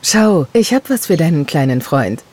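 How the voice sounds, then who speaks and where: Brief: woman reading a gentle retired teacher next door, unhurried and low, breathy, storybook reading. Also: very animated. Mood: friendly.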